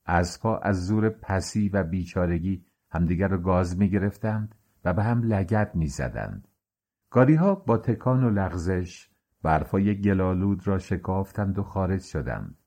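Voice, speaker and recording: Male audiobook narrator, low voice, measured literary delivery. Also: lively intonation, dark tone. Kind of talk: scripted narration.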